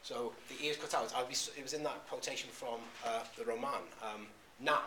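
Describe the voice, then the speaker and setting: A man giving a classroom lecture, talking in a halting way with frequent "um"s and restarts. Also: mid-range voice, steady tone, fairly bright tone, a little hiss or hum. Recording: echoey room recording.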